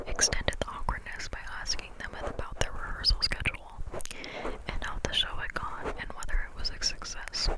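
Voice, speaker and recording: An ASMR reader who whispers throughout, with hands cupped at the microphone. The delivery is entirely breath with no full voice, reading a book aloud very close to the listener's ear. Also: rough recording. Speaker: ASMR host. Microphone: up close to a hand-gripped microphone with foam cover.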